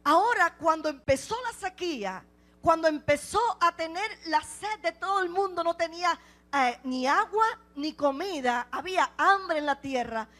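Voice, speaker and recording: A woman preaching a sermon with passion, firing off repeated rhetorical questions and swinging between loud exclamations and hushed passages. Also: extremely high pitch, lively intonation, moderate pace.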